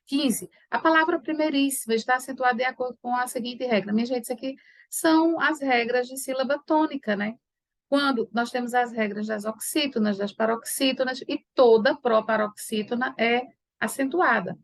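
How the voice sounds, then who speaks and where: A woman's voice: a little high, no echo. A Brazilian Portuguese teacher, a woman, going through exam answers and checking in with "tá?" and "né?". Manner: explanatory, tag questions tá and né. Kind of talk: exam correction lesson.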